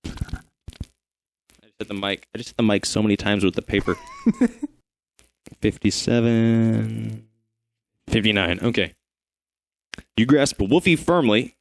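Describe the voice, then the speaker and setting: A man's voice: on the low side, lively intonation, moderate pace, pauses often. A man hosting a podcast, reading an adventure gamebook aloud with casual asides and self-corrections. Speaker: host and narrator.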